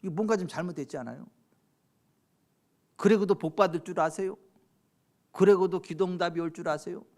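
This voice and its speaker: A middle-aged Korean man preaching a sermon as pastor, addressing the congregation with questions, chuckling at his own stories, and swinging from quiet asides to loud exhortations. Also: high-pitched, brisk. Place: church sanctuary at a late-night service.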